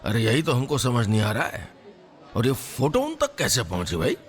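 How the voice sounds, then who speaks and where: A man's voice: medium pitch, huge pitch swings, moderate pace. A man voicing a boastful, fussy middle-aged herbal doctor from a small town. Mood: indignant. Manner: bragging, fussy, indignant.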